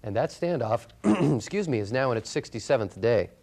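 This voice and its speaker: A man's voice: medium pitch, very animated, moderate pace, vocal fry, darkish tone. An American man anchoring morning news, moving between a broadcast read and ad-libbed banter.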